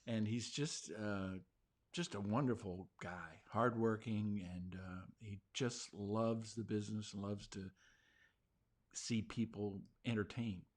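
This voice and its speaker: Man, talk show host, low voice, rambling, lots of fillers. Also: slow. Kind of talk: casual talk show chat.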